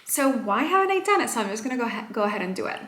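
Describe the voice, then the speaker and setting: A lifestyle vlogger whose first language is Spanish chats to the camera from home, upbeat and encouraging. Her voice sits on the high side, racing along with big pitch swings and a bit of brightness, and the recording has a roomy echo.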